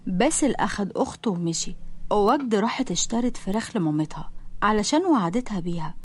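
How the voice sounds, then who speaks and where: A woman's voice: mid-range voice, animated, brisk, husky. A woman with an Egyptian accent narrating a storybook tale.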